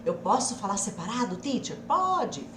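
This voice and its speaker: A woman from Brazil teaching English in a live online lesson, coaxing her students and slowly sounding out English phrases. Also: mid-range voice, very animated. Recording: echoey room, faint background noise.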